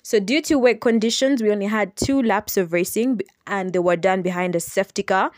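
A young adult woman with a Ugandan accent hosts a solo podcast, explaining things unhurriedly with some hesitant fillers. Her voice is mid-range, and the studio recording is clean with no room sound.

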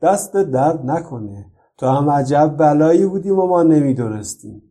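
A man's voice: on the high side, expressive. A man reading the part of a kindly older neighbor who praises and blesses a child in a storybook. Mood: delighted. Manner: warm, praising tone.

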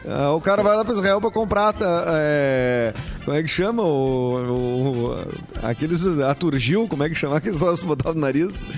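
A man's voice: fairly high pitch, normal speed, soft background music. A man with a Brazilian Portuguese accent, bantering casually as a co-host in a group talk.

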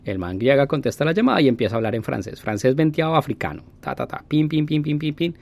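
Animated man telling a story. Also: medium pitch, fast, gravelly. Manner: animated, acts out voices with sound effects. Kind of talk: casual storytelling monologue.

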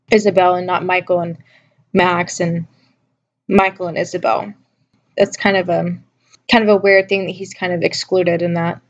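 Sick and losing her voice, a solo podcast host reviews a TV episode in a casual, scratchy, musing way, second-guessing herself, posing questions to listeners, and restarting frequently. Her voice sits on the low side, and the recording's highs are cut off.

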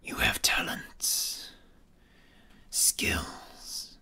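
An evil flying snake lord, whispered role-play for a fantasy game, slow menacing coaxing, all breath. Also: male voice, pushed and bright, full character voice. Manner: slow, controlled, menacing persuasion. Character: menacing male winged serpent lord, coldly coaxing and threatening.

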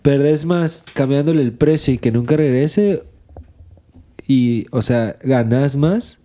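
Mellow-voiced man. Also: mid-range voice, slow. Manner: slangy, mixes in English words. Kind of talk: casual chat.

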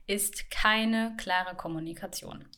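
A woman's voice: mid-range voice, takes it slowly, pushed and bright. A woman co-hosting a casual podcast about communication, speaking in a chatty way with frequent laughs and English phrases mixed in. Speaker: podcast co-host, coach.

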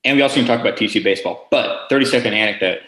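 A man's voice: medium pitch, fairly bright tone, echoey room. A man hosting a podcast, chatting casually and teasing his co-host with jokes. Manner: quick, joking, teasing.

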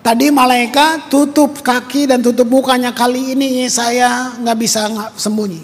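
A man, preaching a conversational sermon as pastor, animated and repeating words for emphasis. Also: normal speed, husky, faint music behind. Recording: reverberant hall with faint rumble.

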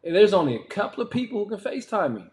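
A man's voice: sits high, big pitch swings, racing, a little mellow. A man co-hosting a casual podcast chat, making his points emphatically and stammering as he starts them. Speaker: podcast co-host.

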